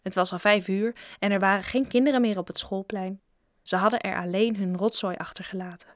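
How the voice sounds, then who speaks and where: A woman calmly narrating a children's book aloud. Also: mid-range voice, a little fast, no room sound, studio quality. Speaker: audiobook reader. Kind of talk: scripted narration.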